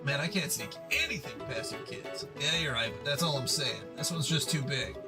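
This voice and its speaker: A man's voice: mid-range voice, moderate pace, over loud music, close to an everyday voice. A man voicing a jaunty, casual, hard-drinking newspaper reporter from a video game. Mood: jovial. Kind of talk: reading game dialogue aloud in character.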